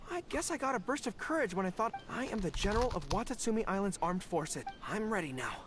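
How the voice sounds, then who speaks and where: A woman's voice: mid-range voice, animated, fast talker, lightly acted. A woman voicing an earnest young male general in a video game, boyish, polite and prone to stammering. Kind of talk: video game character acting. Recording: music behind the voice.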